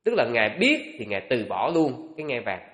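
A male Buddhist monk delivers a dharma talk at an unhurried pace, pausing often and filling the gaps with soft hesitations. His mid-pitched voice rings through a reverberant hall, with a long tail after each phrase. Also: wildly swooping pitch. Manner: unhurried, thinking aloud with many pauses and fillers.

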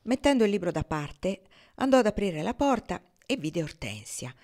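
A woman reading a novel aloud, expressive and gently acting out the dialogue. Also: mid-range voice, moderate pace. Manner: expressive, acts out dialogue softly. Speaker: audiobook reader.

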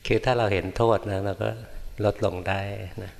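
Older male monk teacher, low voice, patient questioning, reverberant hall. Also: fairly even intonation, moderate pace, creaky. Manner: gentle, repetitive checking questions. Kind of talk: dharma Q&A guidance. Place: monastery hall. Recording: echoey hall.

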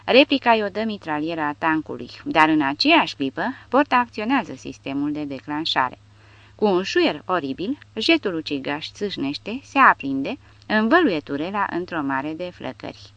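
A woman narrating an audiobook in a steady, measured reading. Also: low-pitched, dry recording, highs cut off.

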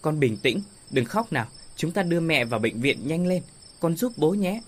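A man's voice: a little high, very animated, normal speed, a little hiss or hum, voice pushed up. Storybook part: a man playing an anxious, soothing young dad. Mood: urgent. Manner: soothing fatherly reassurance. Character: worried young father, protective of his family.

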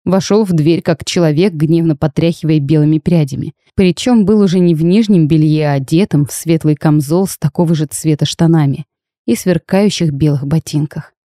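A woman's voice: sits low, moderate pace, dry recording, clean studio sound. Woman narrating a first-person audiobook. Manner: wry, expressive storytelling.

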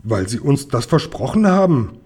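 A man reading a storybook aloud and voicing a plucky, polite but insistent boy, with a husky voice. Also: mid-range voice, sing-song, moderate pace, a little mellow.

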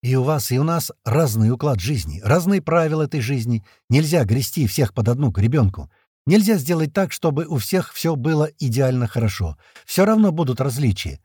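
A man reading the part of a calm, composed colonel from another world, speaking in a measured, persuasive way. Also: medium pitch, husky, no echo, studio quality. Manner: measured, persuasive, level-headed.

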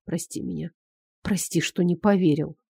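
A woman reader gives us a grown man worn out yet smug, his lines pitched low and hushed. The tone is teasing and close, read in a dry, intimate audiobook voice with no room around it. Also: moderate pace, no echo. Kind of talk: audiobook character voice.

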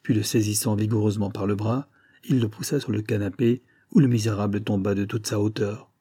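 A man narrating a literary audiobook in a measured, even storytelling manner, close to the mic. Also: lowish voice, breathy edge, no room sound.

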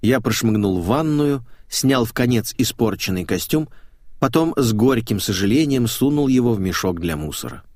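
A man's voice: medium pitch, expressive, normal speed, darkish tone, no echo, clean studio sound. A man narrating a comic novel in the first person, wry and self-mocking. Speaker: audiobook narrator.

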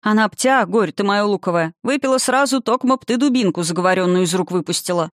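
A woman's voice: medium pitch, fast talker, no echo, studio quality, lightly acted. A woman reading a stern, grumbling old village witch grandmother in a rustic, old-fashioned dialect. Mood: lecturing.

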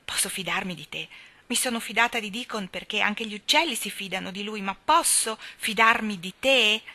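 A stubborn young girl from a storybook, blunt and quick-tempered, pressing her point hard, as a woman reads her aloud. The voice sounds bright and keen. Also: medium pitch. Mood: urgent.

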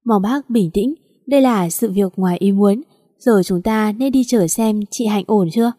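A woman reading a calm young man. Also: medium pitch, normal speed, no room sound, clean studio sound, long reverb tail, lightly acted. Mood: placating. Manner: calm, placating.

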